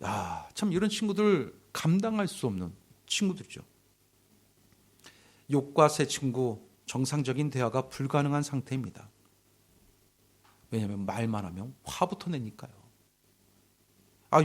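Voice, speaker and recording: Male pastor, sermon delivery, husky tone, very expressive pitch, acts out the people he describes. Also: normal speed, pauses often. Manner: animated, acts out quarrels in quoted voices; drops to near-whispers for emphasis. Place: church hall.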